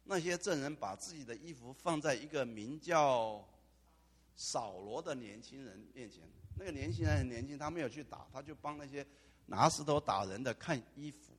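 Husky preaching man in echoey hall. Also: mid-range voice, normal speed. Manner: animated preaching with dramatic asides. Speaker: pastor. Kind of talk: sermon. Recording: long hall reverb.

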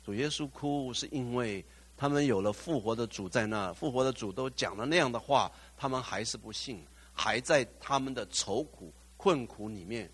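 A man's voice: mid-range voice, moderate pace, hardly any pauses, a bit bright, breathy edge. A male pastor preaching a sermon, putting questions to the congregation, slipping in English phrases and rising to fervent exclamations.

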